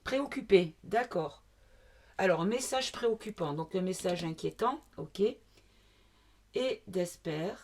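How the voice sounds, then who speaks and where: Lowish voice woman from the south of france, chatty card reading, lots of ums, faint background noise. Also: lively intonation, slow pace, darkish tone. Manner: chatty, thinking aloud with many fillers and asides. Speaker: card reader. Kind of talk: casual tarot reading to camera.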